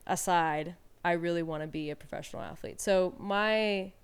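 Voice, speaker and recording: A Peruvian woman in her thirties speaks with a smooth, fairly low voice at a moderate pace. As a guest in a casual conversational interview, she talks candidly and reflectively, with frequent fillers and restarts.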